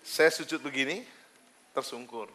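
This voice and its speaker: A man preaching a lively, joking sermon as pastor, bantering with the congregation on a handheld mic. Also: medium pitch, measured pace. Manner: joking, teasing, talks casually with listeners. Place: church service hall.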